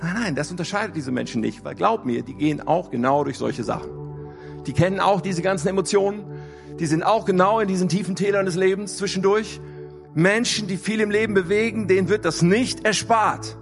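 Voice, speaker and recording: A man's voice: sits high, brisk, vocal fry, music in the background. A man preaching a sermon, emphatic, repeating key phrases and asking rhetorical questions. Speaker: pastor.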